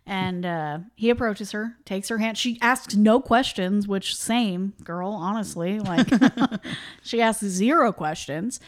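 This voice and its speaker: A woman's voice: mid-range voice, slow. A young woman co-hosting a podcast, chatting casually about a movie with lots of fillers, laughs and asides. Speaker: podcast co-host. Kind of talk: casual movie-review chat.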